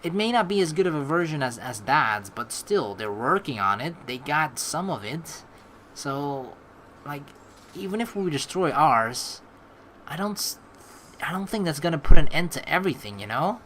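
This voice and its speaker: This let's player's mid-range voice swings widely in pitch while reading game text and musing aloud in a loose, rambling, stop-start way. A little background noise can be heard.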